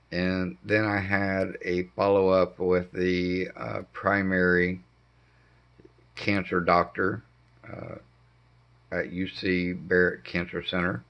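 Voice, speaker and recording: A middle-aged man with a hoarse voice impaired by throat cancer treatment, giving a halting, casual update at home with many pauses. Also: low voice. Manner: slow, halting delivery with frequent ums. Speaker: homestead vlogger. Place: dim living room indoors. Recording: dull lo-fi camera audio.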